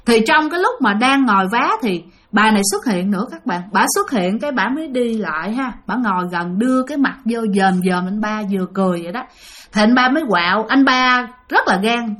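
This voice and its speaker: Lady telling ghost stories, kinda high voice, chatty, talks right to you. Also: expressive, fast, a bit bright. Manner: chatty, addresses listeners directly. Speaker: ghost story channel host. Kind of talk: storytelling narration.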